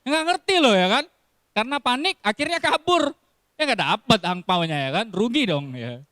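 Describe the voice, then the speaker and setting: A man's voice: extremely high pitch, very animated, moderate pace, pushed and bright, dry recording, clean studio sound. A man giving a casual sermon in style, telling stories with acted quotes and frequent laughs. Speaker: preacher.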